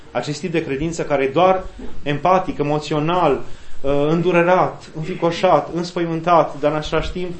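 Reflective preacher in an echoey room. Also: male voice, fairly high pitch. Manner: reflective, with lively quoted voices and pauses. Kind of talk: sermon.

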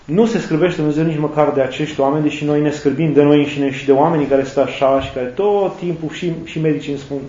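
A priest giving a sermon, slow and reflective, listing words one by one. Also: male voice, fairly high pitch, fairly even intonation, mellow. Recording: echoey, dull lo-fi sound.

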